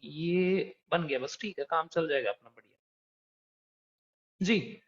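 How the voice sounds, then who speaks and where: A man's voice: sits high, fairly bright tone. A man teaching an exam preparation lesson, explaining patiently and conversationally with worked examples. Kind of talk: recorded online lesson. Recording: dull, slightly lo-fi recording.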